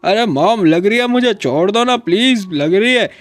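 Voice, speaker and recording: A man's voice: sits high, animated, moderate pace, no echo, voice pushed up. A man voicing a bratty young thug who whines and pleads with his mother in a comic recap. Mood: whining. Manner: whiny, pleading.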